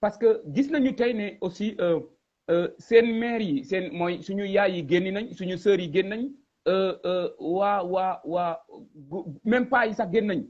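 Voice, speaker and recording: A man's voice: high voice, unhurried, a little mellow. A man interviewing over a phone line that breaks up with poor reception, hesitant and searching for words.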